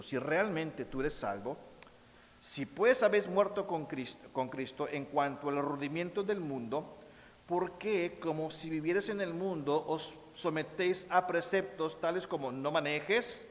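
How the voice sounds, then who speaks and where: A Mexican pastor delivers an animated sermon in a church, his voice set a little high for a man. He keeps turning to the congregation and acting out little quotes. The sound carries a long reverb from the sanctuary. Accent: Mexican Spanish. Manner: animated preaching, repeats "hermanos míos", acts out quotes.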